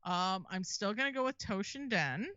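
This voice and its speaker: Woman guest, giggly and jokey, bright voice, dry dull mic. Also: medium pitch, expressive, moderate pace, smooth, no room sound. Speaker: guest content creator. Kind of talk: casual video-call chat.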